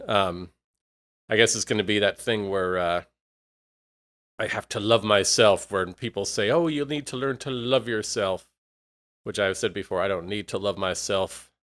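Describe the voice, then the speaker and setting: A man's voice: on the low side, a bit bright. A man talking alone in a casual, rambling, reflective way, with many fillers and restarts, his voice a bit worn. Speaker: podcast host. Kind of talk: casual solo monologue.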